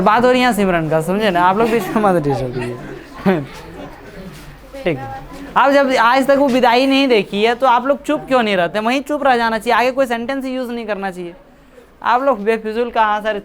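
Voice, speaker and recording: A man's voice: extremely high pitch, lively intonation, normal speed, fairly bright tone, a faint crowd. A man teaching a class, chatty and joking, teasing and scolding his students. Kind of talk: classroom lecture explaining a story.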